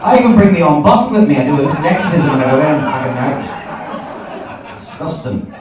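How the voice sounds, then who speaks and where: An Irish comedian in his forties, with a voice on the high side and lively intonation, talks fast through a sweary, wry stand-up routine, telling stories with acted-out dialogue. He performs before a live audience at an indoor comedy venue, with a crowd audible in the background; the recording is echoey, distant and noisy.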